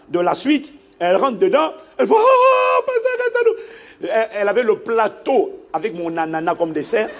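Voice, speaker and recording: A man preaching a sermon as a pastor, telling a story in an animated way and acting out the people in it. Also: high-pitched. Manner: animated storytelling, acts out the people in his stories.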